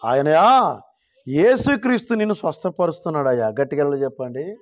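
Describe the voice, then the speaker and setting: A male pastor preaching a sermon, reading scripture slowly and calling on the church to shout hallelujah. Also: sits high, animated, highs cut off, slight background noise. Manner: calls for loud hallelujahs, rising to shouts; drawn-out quoting of scripture verses.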